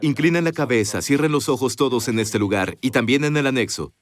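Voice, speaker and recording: A man's voice: mid-range voice, fairly quick. A man preaching a sermon earnestly, speaking directly to his congregation. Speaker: pastor.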